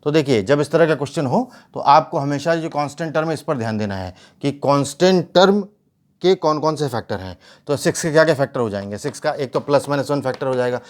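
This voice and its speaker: A fast-talking man with a slightly high voice teaches math at a whiteboard. Explaining step by step, he asks rhetorical questions and sprinkles in English math terms.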